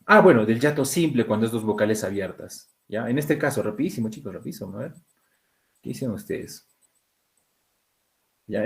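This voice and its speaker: Animated Peruvian teacher with lively pitch. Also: male voice. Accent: Peruvian Spanish. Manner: animated, pitch jumps high on key words, slows to sound out words. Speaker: language teacher. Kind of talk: exam-prep class, talking students through questions.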